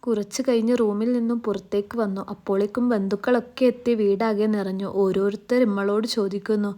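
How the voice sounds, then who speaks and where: A woman narrates a first-person love story. Her reading is soft and earnest. The voice sounds mellow and warm. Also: mid-range voice, fairly even intonation, brisk.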